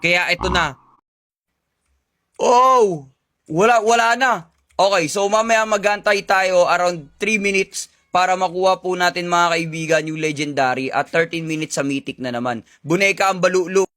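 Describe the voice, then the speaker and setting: A young man giving loud, excited commentary on his game. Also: high voice, moderate pace. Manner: loud, hyped, shouting. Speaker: gaming video creator.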